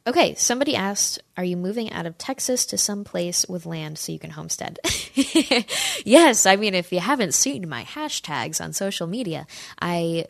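A woman's voice: mid-range voice, big pitch swings, normal speed, vocal fry, no room sound, clean studio sound. A woman in her twenties giving an earnest, persuasive opinion talk and speaking straight to her viewers. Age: 20s. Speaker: commentator answering audience questions.

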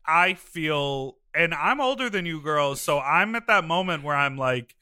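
A man in his mid-thirties chatting as a podcast co-host, campy and given to sudden exclamations. His voice sits a bit high and bright, and it swings widely in pitch. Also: animated, a little slow, clear, resonant tone. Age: 30s. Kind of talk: casual chat.

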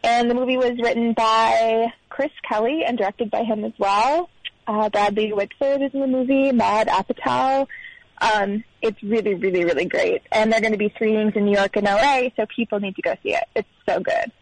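A woman's voice: on the high side, steady tone, normal speed, dry recording. A woman calling in on a phone line from a car, chatting in an upbeat way. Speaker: caller. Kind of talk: casual chat.

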